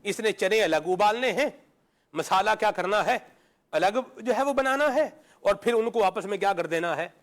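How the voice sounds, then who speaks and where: High-voiced man giving homely moral advice. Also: animated. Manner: explains with homely examples, asks and answers himself. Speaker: religious talk show panelist.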